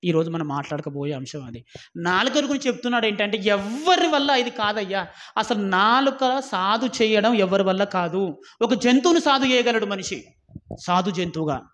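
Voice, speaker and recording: A man preaching a sermon, scolding and warning his listeners with many rhetorical questions, swinging between loud exhortation and low, quiet warnings. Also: lively intonation, moderate pace.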